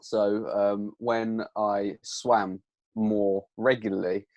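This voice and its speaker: Low-voiced young British man chatting. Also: little pitch movement, slow, a little mellow, dry recording. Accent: British English. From Britain. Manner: storytelling, swears casually, acts out quotes. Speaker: podcast co-host. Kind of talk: casual chat.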